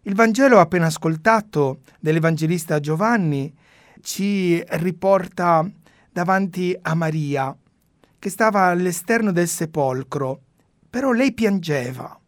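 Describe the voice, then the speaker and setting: Slow, reflective woman giving a radio sermon. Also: on the low side, no room sound, studio quality. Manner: slow, reflective, with pauses and fillers. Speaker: radio Gospel commentator. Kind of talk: spoken sermon commentary.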